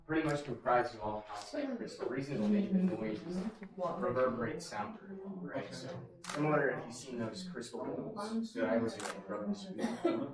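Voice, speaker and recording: A man's voice: mid-range voice, very animated, normal speed, crowd noise. A man working as a cave tour guide, talking casually and jokingly to a group in an echoing cave. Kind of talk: informal guided tour talk. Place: inside a large cave.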